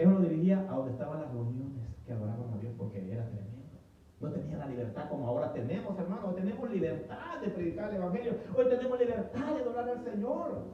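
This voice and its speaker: Man preaching, kinda high voice, tinny phone-like sound, lots of echo in a church hall. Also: recorded from a distance. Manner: animated, acts out quoted voices, stumbles and repeats words. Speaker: pastor. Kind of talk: sermon.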